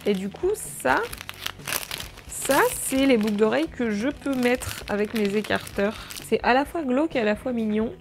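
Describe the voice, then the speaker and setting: A woman's voice: fairly high pitch, moderate pace, a little hiss or hum. A woman vlogger unboxing birthday gifts in a casual, jokey, exclamatory way, cursing now and then. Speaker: beauty vlogger.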